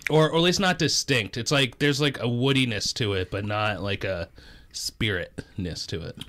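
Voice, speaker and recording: A man's voice: medium pitch, moderate pace, pushed and bright. A man co-hosting a beer podcast, searching for words as he describes flavors in casual chat. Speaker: podcast co-host.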